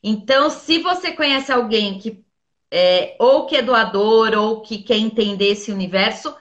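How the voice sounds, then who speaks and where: A woman's voice: fairly high pitch, a little slow, lo-fi sound. A woman hosting a casual live-stream chat, speaking to her audience and guest in a reassuring, encouraging way. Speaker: host.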